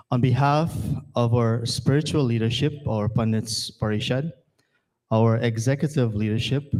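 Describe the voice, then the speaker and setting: A man's voice: mid-range voice, darkish tone, clear, resonant tone. A man from Guyana, chairing a temple service in an earnest, rhetorical formal address that repeats phrases for emphasis. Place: temple hall.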